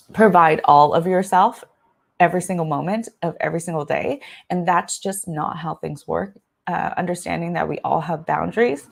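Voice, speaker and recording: A woman's voice: on the low side, creaky. A young woman who is a family doctor, talking earnestly and emotionally in a casual vlog, choked up at times, with many fillers. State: choked up, near tears.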